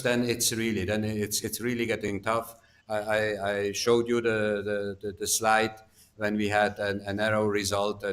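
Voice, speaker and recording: Low-voiced ambassador, halting answers. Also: male voice, a bit bright. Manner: halting, many restarts and fillers. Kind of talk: panel Q&A answers. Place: conference hall.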